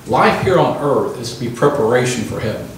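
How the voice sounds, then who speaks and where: An older man, a pastor, preaches an emphatic sermon into a handheld mic in his medium-pitched, animated voice at a fairly quick pace, often calling for amens in call-and-response fashion. He's in a small indoor church hall that echoes heavily, captured by a distant camera with faint background hiss.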